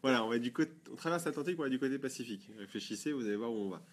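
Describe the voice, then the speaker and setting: A man's voice: mid-range voice, lively intonation, very fast, a little hiss or hum. A man co-hosting a photography blog video, chatting casually and rambling with fillers and restarts. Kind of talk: casual chat.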